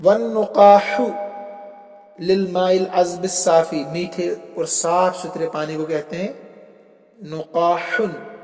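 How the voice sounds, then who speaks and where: High-voiced man lecturing in an echoey room. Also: darkish tone. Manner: explains step by step, often checks understanding with questions. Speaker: religious scholar teaching Arabic rhetoric. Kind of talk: classroom lecture. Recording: echoey room with long reverb, faint music.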